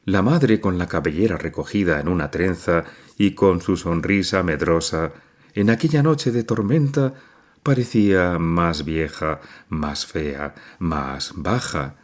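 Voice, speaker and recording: A man narrating an audiobook with an expressive, dramatic reading. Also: low voice, a little slow.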